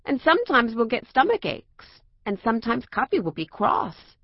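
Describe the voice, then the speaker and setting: A woman's voice: fairly high pitch, wildly swooping pitch, normal speed, no room sound, dull audio, pitched above the performer's own voice, exaggerated voice. A woman voicing an earnest, matter-of-fact seven-year-old boy.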